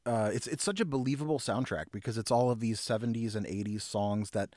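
A man co-hosting a podcast in casual chat, earnest and halting, restarting his sentences often. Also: fairly low pitch, a little mellow, no echo, studio quality. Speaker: podcast co-host.

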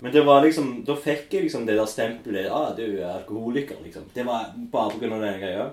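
A man's voice: mid-range voice, darkish tone. A man chatting casually, telling things in a hesitant, understated way. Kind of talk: casual chat. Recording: echoey room with chatter behind.

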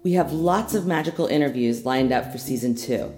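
A woman's voice: rumbling low, a little fast, over music. A woman hosting an interview podcast, with a hungover morning voice. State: hungover morning voice after a night of drinking. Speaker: podcast host.

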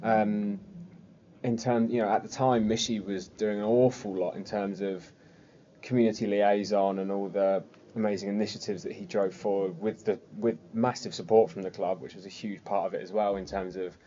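A man from southern England, from Surrey and the Cotswolds, speaks with a Home Counties accent in a lowish, dark, steady voice at a moderate pace. Hosting a football fan podcast, he chats casually and ramblingly. The recording is slightly dull and lo-fi, with a little hiss or hum.

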